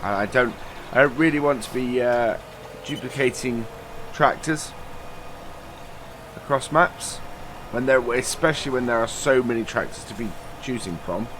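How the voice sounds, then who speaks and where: Congested from a cold, this man hosts a gaming channel and chats his way through a rambling let's-play, leaning heavily on "uh" fillers. His voice sits in the mid range and moves at a normal speed over some background noise.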